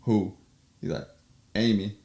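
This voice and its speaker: A low-pitched man talks as a podcast guest in a loose, conversational way. He tells his story with energy, slipping into quoted voices and breaking into laughter. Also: slow pace. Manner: animated storyteller, acts out quotes, laughs often. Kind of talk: casual storytelling chat.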